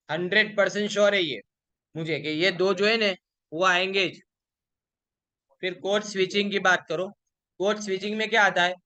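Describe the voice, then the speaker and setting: A man with a high voice lectures through exam revision. His tone is bright and clear. He puts a question to the class and answers it himself, and he slows down to read out English examples. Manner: explains in mixed Hindi and English, asks questions and answers them himself; reads English examples slowly. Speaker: college lecturer.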